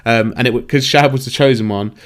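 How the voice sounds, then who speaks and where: A man's voice: medium pitch, fast talker, clear, resonant tone. A man co-hosting a board game podcast, chatting casually and telling stories with laughs. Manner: animated storytelling with laughs. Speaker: podcast co-host. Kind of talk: casual chat.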